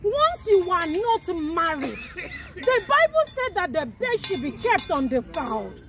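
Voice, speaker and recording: A woman's voice: extremely high pitch, big pitch swings, unhurried, noisy background, heavily acted. A woman with a West African accent playing an earnest, instructing evangelist in a comedy drama. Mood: earnest, preaching. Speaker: actor in a comedy series.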